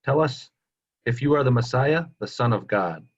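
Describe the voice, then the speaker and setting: A man playing a stern, accusing high priest in a dramatic scripture reading, forceful and demanding, on dull call audio. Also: animated, normal speed, breathy edge. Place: remote recording on a video call.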